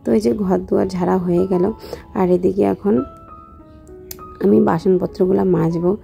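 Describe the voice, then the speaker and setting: A young woman softly narrating her daily home life as a vlog voice-over, her voice weak from just waking up. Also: on the low side, flat delivery, creaky, lo-fi sound, soft background music. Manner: speaks softly and slowly, just woken up. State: low on voice after waking. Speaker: vlogger.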